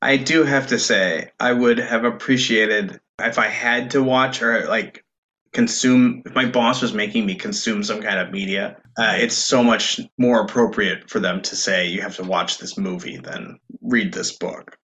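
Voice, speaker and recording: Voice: medium pitch, a little slow, a bit bright. A podcast co-host in casual discussion, reflective and dryly sarcastic, with many fillers.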